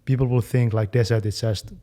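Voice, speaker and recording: A young man chatting casually as a fitness channel co-host, talking quickly and loosely, with many fillers. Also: mid-range voice, steady tone, mellow. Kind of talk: casual chat.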